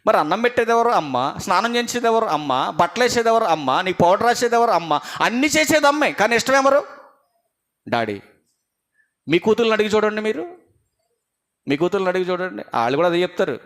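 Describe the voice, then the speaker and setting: Man, pastor, sermon, high voice, questions the congregation, reads verses slowly. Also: big pitch swings. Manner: swings between loud emphatic lines and low quiet ones. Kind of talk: sermon to parents.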